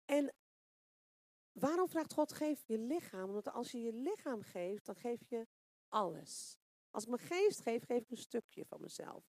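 Woman preacher, fairly high voice, dry sound, chatty sermon with fillers and rhetorical questions. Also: very animated, moderate pace, a little mellow, dry recording. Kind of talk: informal sermon.

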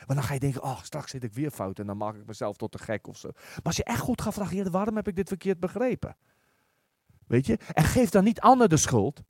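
Man, preaching, animated pitch, dry close sound, stumbles and restarts. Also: no echo. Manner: lively, halting, many restarts and stammers. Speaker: pastor. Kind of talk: sermon with personal stories.

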